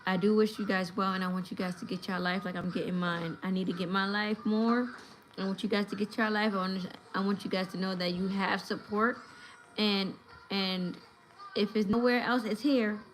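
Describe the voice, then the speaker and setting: A woman's voice: medium pitch, little pitch movement, normal speed, faint music behind, low-quality recording. A woman in her thirties from New York, chatting casually on a home livestream and giving advice to her viewers. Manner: chatty, advice-giving, acts out voices in anecdotes. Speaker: livestream host.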